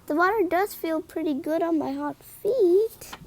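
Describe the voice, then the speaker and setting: A woman's voice: very high-pitched, expressive, unhurried, darkish tone, exaggerated voice. A woman voicing an easygoing, hesitant young male cat in a children's storybook, with short, simple replies. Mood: relaxed.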